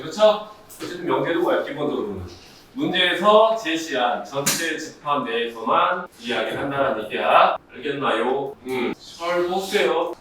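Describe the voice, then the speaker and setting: A man teaching a high school math class, constantly quizzing his students and calling out to them. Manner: quizzing, repeatedly addressing students. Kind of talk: classroom lecture. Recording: echoey room, distant mic, faint noise.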